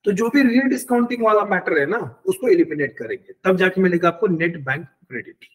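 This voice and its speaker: A man teaches a banking exam class online, building each idea from a worked example. His voice sits high and a little husky. He stops often to check that his students are following. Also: expressive, fairly quick, poor audio. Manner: explains step by step with worked examples, mixing English terms. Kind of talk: online lecture.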